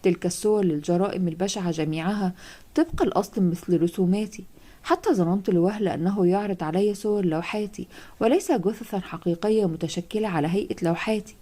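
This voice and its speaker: A woman narrating a first-person horror audiobook, reading steadily with hushed asides. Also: mid-range voice, fast.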